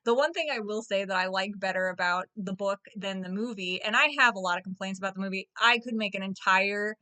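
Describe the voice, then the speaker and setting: A woman's voice: mid-range voice, steady tone, fairly quick, pushed and bright, clear, resonant tone. A woman in her thirties chatting casually about her books as a vlogger, gushing and full of fillers. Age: 30s. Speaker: book vlogger. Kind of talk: casual book chat.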